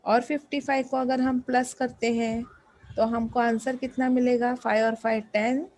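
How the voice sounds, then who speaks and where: A woman's voice: fairly high pitch, little pitch movement, moderate pace, darkish tone, dry recording, rough recording. A woman math teacher explaining a lesson, patiently repeating questions and prompting students to answer.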